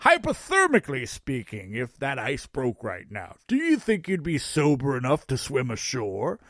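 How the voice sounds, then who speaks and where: A man voicing a jolly, foul-mouthed old Santa Claus in a storybook, with a booming, merry, taunting delivery. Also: huge pitch swings, normal speed, fairly bright tone, no echo, studio quality. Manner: taunting, cryptic, theatrical.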